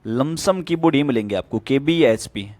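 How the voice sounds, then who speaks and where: A man's voice: mid-range voice, expressive, moderate pace, darkish tone, dry recording. A man who teaches stenography gives a casual spoken tutorial with plain, step-by-step tips.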